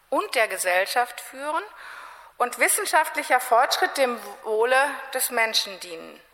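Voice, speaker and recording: A woman's voice: on the high side, bright, forceful tone. Woman lecturing in a reverberant hall. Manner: measured, with deliberate pauses and self-corrections. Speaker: speaker giving an introductory talk. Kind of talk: formal lecture before a panel discussion. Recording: long reverb of a large hall.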